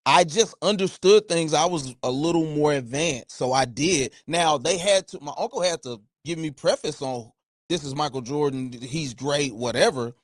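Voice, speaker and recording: A man's voice: fairly high pitch, moderate pace, no echo. A man, hosting a podcast in casual, playful banter. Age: 30s. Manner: animated, playful banter, slangy. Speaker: podcast host. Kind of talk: casual chat.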